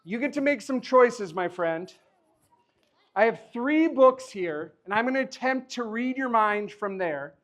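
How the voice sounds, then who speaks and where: A very high, expressive male voice, a bit bright and unhurried, carries this magician's live stage patter. Before an audience, he jokes with a volunteer and encourages them, chuckling through the banter.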